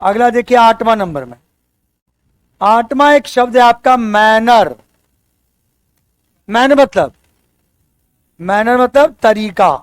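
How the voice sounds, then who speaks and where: A man teaching an English lesson, going slowly and repeating key words as he quizzes his students. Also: very high voice, lively intonation, clean tone, dry recording. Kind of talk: exam-prep language lesson.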